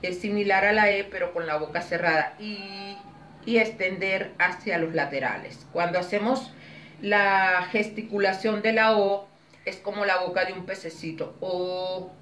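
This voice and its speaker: A woman leading a public speaking workshop, explaining exercises clearly and demonstrating intonation with lively expression. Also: medium pitch, normal speed, a little hiss or hum. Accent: Spanish. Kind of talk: teaching a workshop. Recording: echoey room, voice from a distance.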